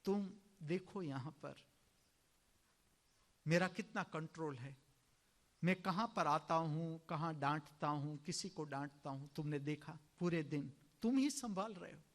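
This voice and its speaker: Slow, emphatic Indian spiritual teacher. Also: male voice, a little high. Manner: slow, emphatic, clears throat often. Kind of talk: sermon.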